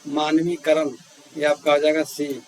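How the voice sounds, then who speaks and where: A man working steadily through a grammar quiz, repeating each word before he names the right option. His voice sits a little high and stays flat in tone. A faint hiss runs under the recording. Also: unhurried, poor audio. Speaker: teacher. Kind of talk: spelling quiz walkthrough.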